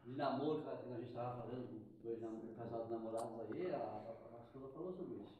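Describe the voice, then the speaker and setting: A man's voice: medium pitch, fast talker, muffled recording, a little hiss or hum. A man with a Brazilian Portuguese accent, a congregation member chatting with the pastor during a sermon. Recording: echoey church hall, far from the mic, crowd around.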